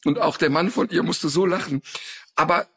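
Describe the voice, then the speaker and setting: A man's voice: fairly high pitch, normal speed, gravelly, husky. A middle-aged man telling stories in casual chat as a podcast co-host, acting out the voices he quotes. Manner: animated storytelling, acts out quoted voices.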